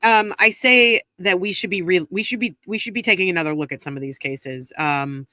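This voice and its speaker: On a true crime livestream, a woman who sounds congested chats casually and thinks out loud, often saying um and restarting. She talks a little fast, her fairly low voice sharp in tone, recorded dry and clean on a close streaming mic in a home studio near the DC area.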